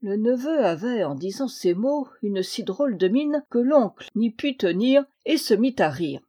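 A woman narrating a classic novel as an audiobook in a measured, clear storytelling manner. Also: fairly high pitch, lively intonation, dark tone.

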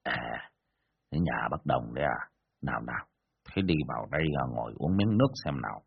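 A man voicing a frightened, weary older village father with a low husky voice. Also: animated, a little fast, narrow, tinny audio, exaggerated voice. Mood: weary welcome.

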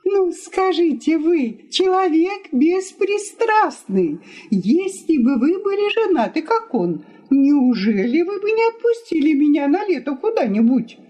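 Tearful, indignant wife, high and swooping, played by a woman reader. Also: sing-song, unhurried, dark tone, exaggerated voice. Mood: complaining.

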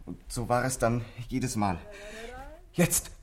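In a German radio crime drama, an actor plays a frightened, bitter teenage boy, confessing in a husky, breathy, mid-range voice. His speech is intense and halting, shifting from bitter confiding to defiance.

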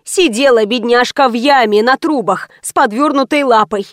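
A woman's voice: on the high side, normal speed, fairly bright tone, no echo, studio quality, lightly acted. A woman voicing a fussy, grateful elderly neighbor who chatters and pleads. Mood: pleading.

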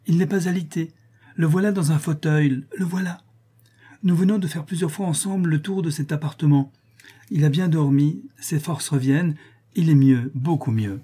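Effusive young noblewoman pleading her case, pitched up, read by a man. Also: moderate pace, mellow, slightly rough. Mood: joyful. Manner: pleading, effusive, rising higher. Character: young countess, passionate and impulsive.

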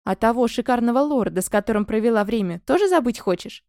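A woman's voice: a little high, animated, fast talker, darkish tone, dry recording, studio quality. A woman voicing a scheming young noblewoman in a storybook, pushy and insinuating. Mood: coaxing.

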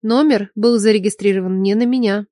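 A sharp-tongued young woman teacher, put on by a male audiobook reader, answering in curt, cool, sarcastic lines. The voice sits well above the reader's own, dry and close to the mic. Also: sits high, fairly even intonation, fairly quick, no echo, voice pushed up, natural voice. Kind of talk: audiobook character voice.

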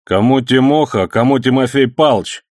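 A man voices a stern, officious young male police lieutenant who speaks in an official tone. The mid-range, measured delivery is pitched above the performer's own voice yet close to an everyday one, in a dry, studio-quality recording.

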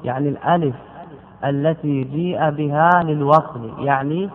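A man giving a classical Arabic grammar lesson, drilling word forms by repeating them slowly and putting questions to his students. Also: on the high side. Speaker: grammar teacher. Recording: tinny phone-like lecture recording.

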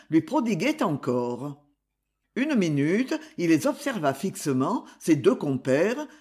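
An audiobook reader narrating a classic novel in a measured, expressive way, giving the characters voices. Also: medium pitch.

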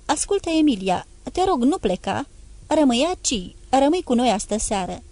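A woman reading an audiobook, voicing an agitated, jealous grown man who pleads and shouts in an overwrought way. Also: high voice, very animated, dry recording. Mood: pleading.

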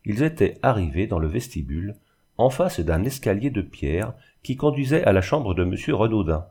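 Dark-voiced male audiobook narrator. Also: on the low side, very animated, moderate pace, slightly rough. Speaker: audiobook reader. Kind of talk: scripted narration of a novel.

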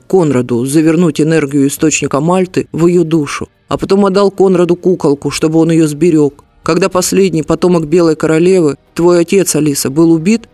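A man voicing a calm, stern ancient golden dragon in an audiobook, measured and unhurried. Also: on the high side, dry recording, lightly acted.

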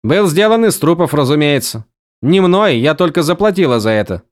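Мужчина-чтец озвучивает коренастую властную женщину-наёмницу, говорящую резко и ворчливо. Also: male voice, a little high, very animated, moderate pace, no room sound, studio quality. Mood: mocking. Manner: blunt, gruff, grumbling. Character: stocky brusque woman mercenary, bossy.

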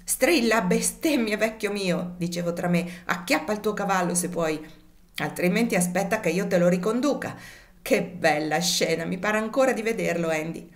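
A woman voicing a cunning young male servant in a storybook reading, mock-humble and gleeful, raising her voice high for him. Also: normal speed, close to an everyday voice.

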